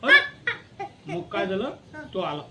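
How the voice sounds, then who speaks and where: A man, a father, telling a comic story in an animated way and laughing at his own punchlines. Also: sits high, a little slow, heavy background noise.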